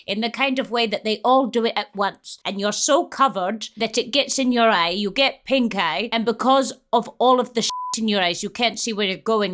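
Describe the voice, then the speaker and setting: A woman's voice: mid-range voice, fairly bright tone. A woman reacting to a film with crude, ranting comedy, talking in a put-on Scottish accent like a stern old teacher. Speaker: reaction video host.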